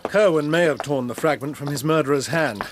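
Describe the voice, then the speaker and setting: A man's voice: on the high side, brisk, slight background noise, close to an everyday voice. An actor playing an eager, methodical young male police inspector, polite and respectful, in a radio drama. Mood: deferential.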